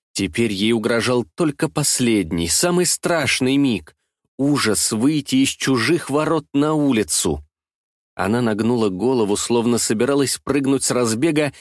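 Man with a mid-range voice, literary audiobook narration, measured and dramatic, dry booth sound. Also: mid-range voice, no room sound.

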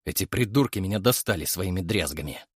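A man's voice: low-pitched, animated, a little fast, breathy edge, dry recording, clean studio sound. A man voicing a huge bald brute who sighs heavily and grumbles. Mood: weary.

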